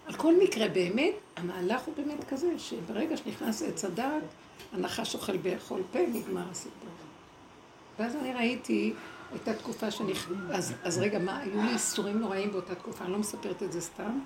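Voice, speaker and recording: A woman giving a spiritual talk, telling a personal story in an animated way and acting out the voices she quotes. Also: mid-range voice, background noise. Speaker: speaker at a spiritual gathering. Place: evening gathering indoors. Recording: echoey room with clear background ambience.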